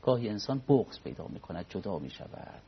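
A man speaking as a cleric guest on a religious talk program, explaining in a measured way and quoting Arabic prayers. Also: fairly low pitch, big pitch swings, lo-fi sound, a little hiss or hum. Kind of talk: religious discussion.

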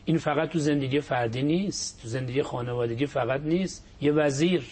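A man giving a religious talk as a cleric. He explains points quickly and then slows right down to recite verses in a drawn-out chant. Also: medium pitch, darkish tone, slightly rough. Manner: shifts between quick explanation and slow, drawn-out Arabic recitation.

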